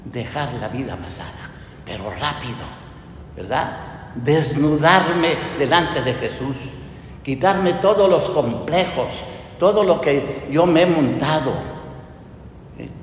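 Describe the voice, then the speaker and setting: A man preaching a conversational sermon, lively and full of tag questions, to his congregation in a church. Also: a little high, slow pace. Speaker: priest. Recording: echoey church hall, faint noise.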